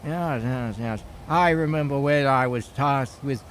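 A man's voice: mid-range voice, unhurried, slight background noise, close to an everyday voice. A man with a younger voice faking an old British grandfather, rambling and stammering through tall tales in improvised role-play. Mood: reminiscing.

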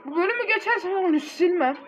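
A young man casually commenting on his mobile gameplay, excitable and quick to get frustrated, talking straight to his viewers. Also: very high-pitched. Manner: excitable, easily frustrated, talks to viewers directly. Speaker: gaming channel host. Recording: dull lo-fi recording with faint game music.

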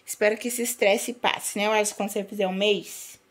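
A woman's voice: mid-range voice, fairly even intonation, brisk. A young woman from Brazil with a Brazilian Portuguese accent, chatting casually to her viewers in a vlog as a new mother. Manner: chatty, talks to viewers as "gente" and to her newborn.

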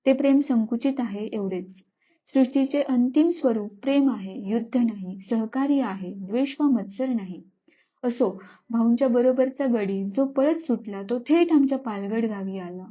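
A woman storyteller reading a classic story aloud in a measured, expressive way. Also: a little high, highs cut off. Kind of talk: scripted narration of a classic story.

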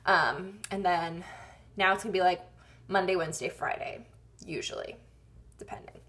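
A woman's voice: lowish voice, normal speed, a bit bright. A young woman from Wisconsin with a slight Wisconsin accent, chatting casually and rambling as she walks through her planner in a vlog. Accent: Wisconsin, slipping in at times. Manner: chatty and rambling, with frequent ums and laughs at herself. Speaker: YouTube vlogger.

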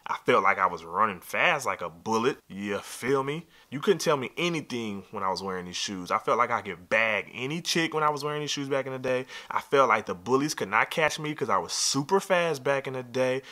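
Excited man reviewing sneakers, bright voice. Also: mid-range voice, a little fast, hardly any pauses. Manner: excited, opinionated, talks straight to the viewer. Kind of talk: casual sneaker unboxing review.

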